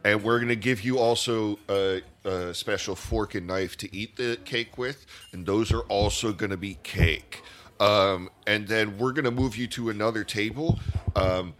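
A man talks through an absurd pitch, stopping often on ums and uhs. His voice is low but bright and forceful. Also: moderate pace, a little hiss or hum. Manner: hesitant, padded with fillers. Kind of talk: comedic improvised sketch.

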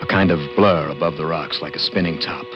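A man's voice: very deep voice, fairly even intonation, a little fast. An actor playing an intense, plain-spoken garage mechanic in his thirties, narrating a vintage radio drama in a slangy, urgent, confiding way. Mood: awed, tense. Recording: muffled old radio recording with music.

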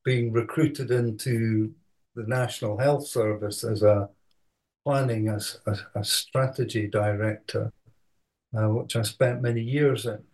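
An older man from Scotland, an author answering interview questions in a thoughtful, halting way with many fillers. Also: on the low side, fairly even intonation, a little mellow. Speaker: author and researcher.

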